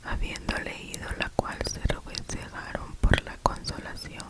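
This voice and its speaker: Close cupped-hand whisper, ASMR scripture reader. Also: unhurried. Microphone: very close to the mouth.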